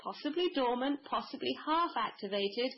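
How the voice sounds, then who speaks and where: A woman's voice: high voice, animated, normal speed, muffled recording. A woman guest in a spiritual conversation, speaking in a flowing, mystical way, piling up long lists.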